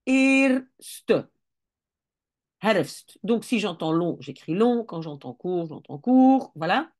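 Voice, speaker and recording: A woman's voice: on the low side, expressive, a little slow, mellow. A woman teaching Dutch spelling rules, explaining step by step and often correcting herself as she thinks aloud. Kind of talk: casual explanatory lesson.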